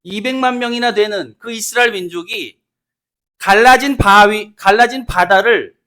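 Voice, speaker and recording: A man's voice: high voice, normal speed, sharp tone. A man preaching a Sunday sermon in a church, asking the congregation questions and acting out quoted speech. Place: church sanctuary.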